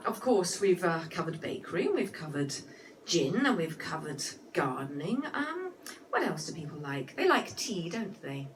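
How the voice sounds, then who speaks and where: A woman with a lowish voice performs as a cabaret entertainer, delivering comic music-hall songs and chatty patter in a playfully genteel, rambling manner. A loud guitar accompaniment is mixed heavily with her voice, and there is a slight hiss or hum.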